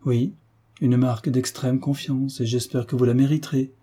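A man's voice: medium pitch, flat delivery, moderate pace, warm tone, husky, lightly acted. A man voicing a cool, commanding young heiress in an audiobook, giving firm, clipped orders. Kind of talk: audiobook character reading.

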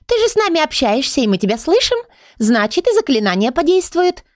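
A woman voicing a tiny, excitable girl storybook with a squeaky, high voice, read in a dry recording. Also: a little fast, no room sound. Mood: chirpy.

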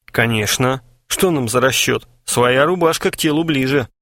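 A man's voice: medium pitch, normal speed, fairly bright tone, dry recording, clean studio sound, close to an everyday voice. A man voicing a laconic young sidekick who talks in a terse, wry way.

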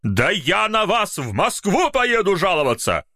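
A man voicing a pompous rustic poet who declaims in slow, mock-solemn tones. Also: high voice, very animated, pushed and bright, dry recording, clean studio sound, pitched above the performer's own voice, exaggerated voice. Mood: indignant.

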